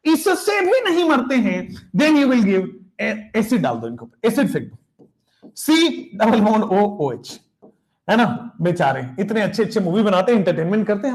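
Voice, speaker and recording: A male chemistry teacher lectures with a very lively, swooping voice and a playful storytelling manner. He chants his memory tricks slowly and repeats them, calling out to his students. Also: high-pitched. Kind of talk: animated classroom lecture with mnemonics.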